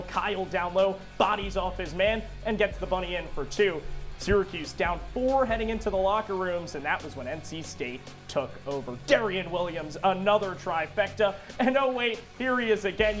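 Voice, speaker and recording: A male sports reporter and announcer delivers game news and commentary in a punchy, emphatic style. His voice sits high.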